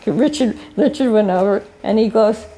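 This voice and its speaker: An older woman, a filmmaker, telling animated stories in an interview and laughing often as she acts out what people said. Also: medium pitch, normal speed, rough recording. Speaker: filmmaker guest. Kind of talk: casual storytelling interview.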